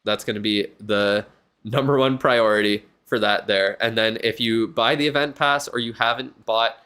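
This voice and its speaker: A man's voice: lowish voice, steady tone, normal speed, bright, forceful tone, clear, resonant tone. A tired man streaming live, giving casual, rambling commentary on a viewer's game account and thinking aloud with lots of fillers. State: yawning, tired.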